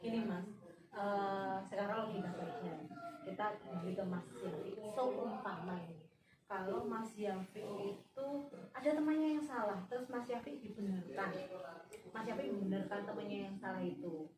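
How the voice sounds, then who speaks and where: A woman's voice: mid-range voice, moderate pace, over a noisy crowd. Woman, patient school counselor in a role-play; distant mic, roomy echo. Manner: patient, explaining step by step with examples. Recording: echoey room, far mic, noisy.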